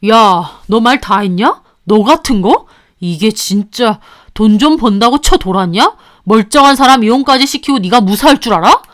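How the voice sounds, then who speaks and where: A woman's voice: a little high, animated, moderate pace, a bit bright, dry recording, clean studio sound. A woman voicing a cheating husband who whines defensively and then lashes out in anger. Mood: angry. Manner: whiny, defensive, angry. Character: cheating husband, pleading then bullying, man in thirties. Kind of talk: dramatized story reading.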